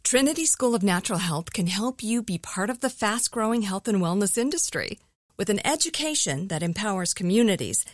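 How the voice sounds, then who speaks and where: A woman giving a smooth, upbeat scripted ad read. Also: medium pitch, no echo, studio quality. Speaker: ad narrator.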